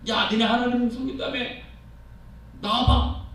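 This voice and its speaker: A man voicing a loud, boastful giant warrior who shouts taunts at his enemies. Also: sits high, steady tone, normal speed, voice pushed up, heavily acted. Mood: taunting. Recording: echoey hall, voice from far off.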